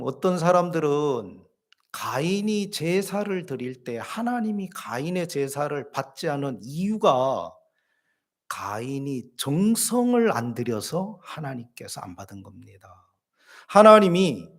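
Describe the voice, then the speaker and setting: A man preaching a sermon as pastor, telling everyday stories and asking the congregation questions. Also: fairly high pitch. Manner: lively storytelling with everyday examples and questions to the congregation. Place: church.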